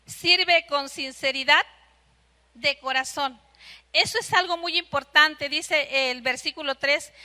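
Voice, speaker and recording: Mexican woman preaching, high bright voice, keeps asking "¿sí?", long hall echo. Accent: Mexican Spanish. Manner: asks the congregation "¿sí?" often. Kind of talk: sermon.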